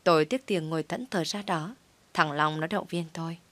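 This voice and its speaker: Low-voiced woman reading a comic story. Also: moderate pace, fairly bright tone, dry recording. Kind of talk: first-person comic story narration.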